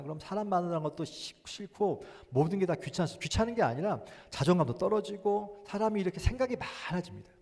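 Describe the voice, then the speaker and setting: Man, pastor, Sunday sermon, fairly high voice, urgent then musing, long church reverb. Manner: swings between loud urgent exhortation and quiet musing; acts out inner thoughts in a small voice. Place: church sanctuary.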